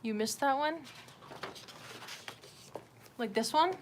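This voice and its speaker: A woman with a high, slow voice hosts a livestream, chatting casually while she draws. Her talk is informal, sweary and self-deprecating, and the recording clearly picks up background noise and room ambience.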